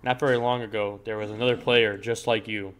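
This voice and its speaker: A man reading aloud the lines of a dying, infected male villager in a game, in a low, hushed voice. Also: level tone, brisk, a little hiss or hum, close to an everyday voice. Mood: somber.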